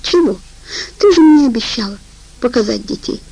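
A kind, timid young woman who pleads in a soft, near-whispered voice, as a female audiobook reader puts her on. A faint gravelly creak sits under her words. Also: on the high side, expressive, moderate pace, voice pushed up, heavily acted, rough recording. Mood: soft, pleading.

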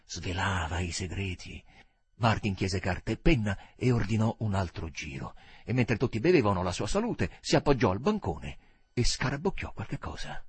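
A man narrating a novel aloud with expressive, dramatic phrasing. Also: fairly low pitch, slightly rough, no echo. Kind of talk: audiobook reading.

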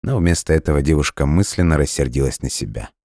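A man narrating an audiobook in measured, even storytelling. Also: extremely low pitch, no echo, clean studio sound.

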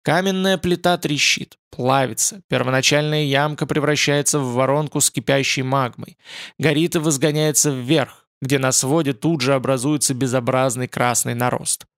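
A man narrating a fantasy audiobook in an expressive, lively reading. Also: medium pitch, normal speed, no echo, clean studio sound.

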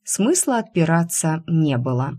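A woman narrating an audiobook in a measured storytelling manner. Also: deep voice, sing-song, a little mellow, slightly rough. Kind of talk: scripted narration.

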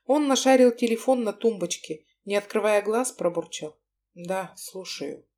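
A woman narrating an audiobook in an expressive, lively reading. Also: on the high side, normal speed. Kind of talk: scripted narration.

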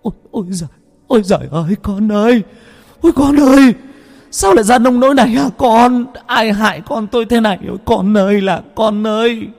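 A man's voice: high voice, a little fast, vocal fry, a little mellow, long reverb tail, pitched above the performer's own voice. A man voicing a wailing old mother. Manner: keening, sobbing lament. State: crying. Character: grief-stricken elderly village mother wailing.

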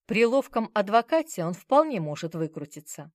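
A woman voicing a gruff middle-aged male police investigator in an audiobook, blunt, brisk and sardonic. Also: medium pitch, very animated, a little mellow, no room sound, studio quality, voice pushed up, lightly acted. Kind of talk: audiobook character voice.

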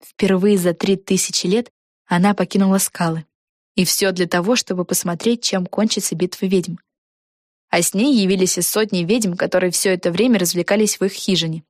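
A woman narrating a children's book in an even storytelling manner. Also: on the low side, fairly quick, no room sound, studio quality. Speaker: audiobook narrator.

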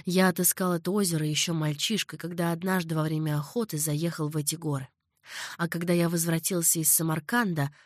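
A woman voicing a passionate young nobleman who is in love, speaking low, hushed and earnest. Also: dry recording, clean studio sound. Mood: tender, solemn.

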